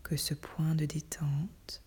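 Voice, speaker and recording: A woman whispering a guided relaxation in a soft, breathy, soothing voice, with slow delivery and long pauses. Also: deep voice, level tone.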